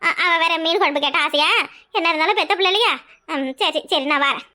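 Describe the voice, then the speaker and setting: Woman voicing an older cartoon mother-in-law, Kanyakumari Tamil accent, muttering, grudging, quick. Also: very high voice, sharp tone, voice pushed down. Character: scheming older village mother-in-law, grumbling.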